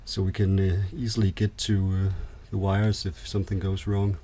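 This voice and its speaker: Speaking in a deep voice with a flat delivery and moderate pace, this boat-owning vlogger, a Danish-accented man in his thirties or forties, narrates casual DIY work in a small cabin. His tone is hesitant and understated, and the camera audio carries clear background noise.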